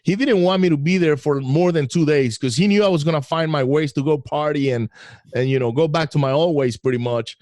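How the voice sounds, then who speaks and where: A middle-aged man from Venezuela telling his story as a guest, animated and laughing now and then. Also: a little high, fairly quick, no echo, studio quality. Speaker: podcast guest. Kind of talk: casual interview storytelling.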